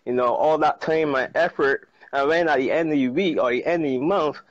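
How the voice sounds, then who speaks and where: A man's voice: on the high side, brisk, no room sound. A man in his thirties with a Barbadian accent, speaking casually on a video call from a sunny patio, laughing often and repeating words for emphasis. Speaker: guest, trader and chef. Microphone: earphone mic on a video call. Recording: slightly muffled, dry video-call audio.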